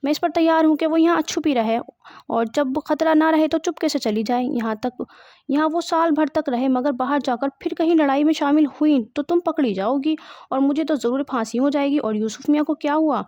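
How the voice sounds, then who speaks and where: A woman's voice: high voice, warm tone, no echo, lightly acted. A woman reading the lines of a worried, protective male householder in a play. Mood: firm. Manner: firm, read from a script.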